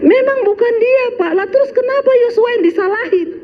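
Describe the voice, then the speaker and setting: Lady doing a giggly teacher, voice shot way up high. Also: brisk, a crowd in the background. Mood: amused. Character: amused Sunday school teacher. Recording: slightly dull lo-fi recording.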